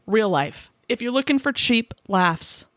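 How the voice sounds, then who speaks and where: A woman in her forties from the Boston suburbs, co-hosting a comedy podcast with teasing, quick quips. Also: a little high, expressive, a bit bright, no room sound, studio quality. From Boston suburbs, USA. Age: 40s. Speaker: podcast co-host. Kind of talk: sarcastic comedic chat.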